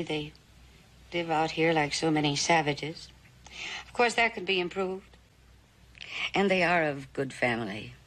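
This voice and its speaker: A woman's voice: low-pitched, fairly bright tone, poor audio. An actress playing a middle-aged genteel mother in a TV western, coaxing and pushy as she steers her daughter. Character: ambitious genteel mother, controlling and weary. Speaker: scheming mother. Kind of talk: 1960s TV western acting.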